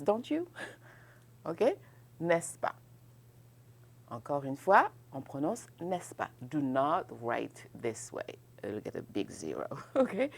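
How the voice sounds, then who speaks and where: A woman with a creaky bass voice leads a bilingual classroom lesson on French grammar, explaining things in English. She demonstrates French questions with exaggerated rising intonation, often asks "ok?", and laughs lightly.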